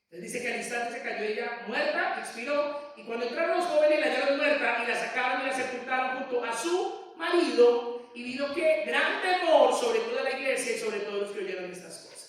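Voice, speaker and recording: A man's voice: very high-pitched, fairly bright tone. A man preaching a sermon to his congregation as pastor, emphatic and addressing listeners directly. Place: church. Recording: echoey church from far off.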